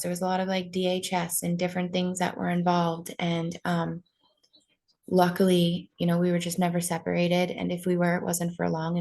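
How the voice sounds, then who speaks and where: Her voice is fairly low, gravelly and a little mellow as this woman in her 20s from Maine recounts her life in a podcast interview. She talks candidly, with frequent ums and likes, in a personal interview style.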